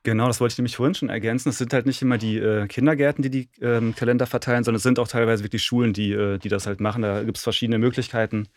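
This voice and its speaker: A man co-hosting a podcast, chatting casually and quickly with fillers. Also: mid-range voice, steady tone, no room sound. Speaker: podcast co-host.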